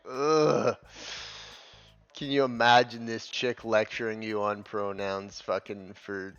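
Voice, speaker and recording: A man's voice: mid-range voice, fairly bright tone. Profane, rambling male gaming commentator. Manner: profane, rambling, stop-start with many restarts. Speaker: channel host. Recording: dull lo-fi with faint music.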